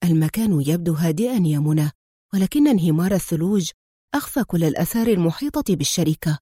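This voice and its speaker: A woman reading a storybook, voicing a stern male spy hero who speaks low, calm and curt. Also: fast talker, dry recording, clean studio sound, natural voice.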